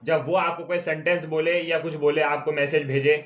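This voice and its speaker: A man teaching a commerce lecture at a board, explaining terms step by step and stretching key words out slowly. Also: on the high side, flat delivery. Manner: repeats key terms slowly, checks in with "ठीक है". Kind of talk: classroom lecture.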